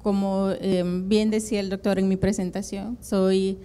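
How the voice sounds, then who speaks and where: Speaking on a conference panel, a university program coordinator, a middle-aged woman from the Atlantic coast of Nicaragua, talks through a handheld microphone in a room with flags and a projection screen. Her smooth, resonant voice is mid-range and unhurried. She explains steadily yet hesitantly, dropping frequent "em" and "eh" fillers.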